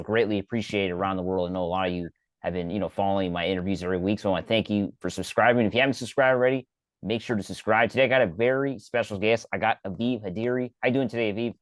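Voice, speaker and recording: Fast-talking male interview host. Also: fairly low pitch, no room sound. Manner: chatty, friendly openers with fillers. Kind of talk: casual interview.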